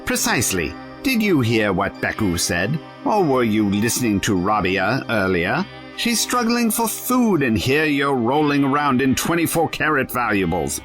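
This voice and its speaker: A man in an audio drama playing a quick-witted, righteous adventurer, sardonic and theatrical. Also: medium pitch, very animated, a bit bright, faint music behind. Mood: sarcastic, reproachful. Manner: wry, sarcastic, theatrical.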